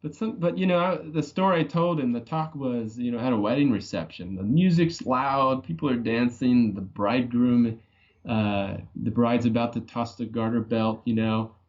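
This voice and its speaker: A man's voice: medium pitch, normal speed, darkish tone. A male guest speaking in a conversational podcast interview, earnest and reflective, working through hypothetical questions. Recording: dull lo-fi audio.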